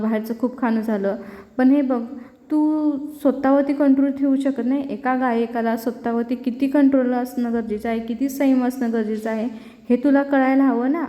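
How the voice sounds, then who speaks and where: A woman's voice: on the high side, warm tone, lightly acted. A woman voicing a stern older singing teacher, scolding. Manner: scolding, lecturing. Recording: echoey room with long reverb.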